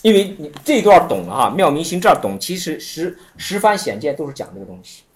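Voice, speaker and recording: A man giving an informal Buddhist teaching talk, telling stories in an animated way with many repetitions. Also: on the high side, fairly quick. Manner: animated storytelling with frequent repetitions and acted-out quotes.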